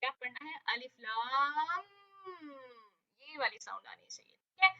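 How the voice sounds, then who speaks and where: A woman teaching Quran recitation in an online lesson, explaining patiently step by step, checking in often, and reciting Arabic words slowly to demonstrate sounds. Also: high voice, very animated, creaky, sharp tone, highs cut off.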